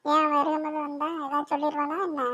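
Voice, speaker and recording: A woman's voice: high voice, monotone, quick pace, sharp tone, highs cut off. A woman voicing a fussy, scolding elderly grandmother in a cartoon. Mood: chatty. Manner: scolding, grumbling. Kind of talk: cartoon voice acting.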